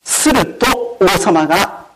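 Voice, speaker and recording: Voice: medium pitch, lively intonation, slow, rough recording. A pastor delivering a sermon in a formal, explanatory way, often ending sentences with solemn set phrases and asking the listeners questions. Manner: formal preaching with frequent "de arimasu" sentence endings. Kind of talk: sermon with storytelling.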